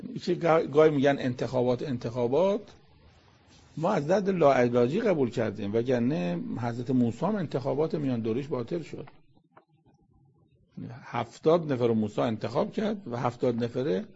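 Husky-voiced man giving a sermon. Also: mid-range voice, animated, mellow, highs cut off. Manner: rhetorical questions, reciting Arabic verses then explaining them. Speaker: religious lecturer explaining Quran verses. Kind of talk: conversational sermon.

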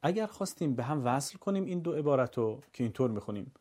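Mellow-voiced man teaching recitation. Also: medium pitch, animated. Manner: slow, clear drawn-out recitation of example words. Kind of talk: recorded lesson on recitation rules.

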